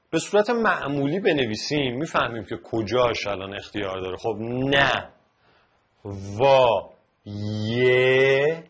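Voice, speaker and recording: A man's voice: mid-range voice, fairly bright tone, breathy edge, dull audio. A male teacher with an Iranian Persian accent gives a recorded lesson, breaking lines of verse into syllables one at a time. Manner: spells out words syllable by syllable. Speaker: literature teacher. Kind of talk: recorded lesson explaining poetic meter.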